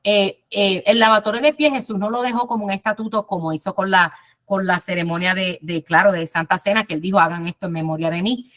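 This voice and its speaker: A woman teaching a Bible class in a conversational way, telling personal stories, speaking directly to her listeners and pausing often with "eh". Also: medium pitch. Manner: warm storytelling, addresses listeners directly, frequent "eh" pauses.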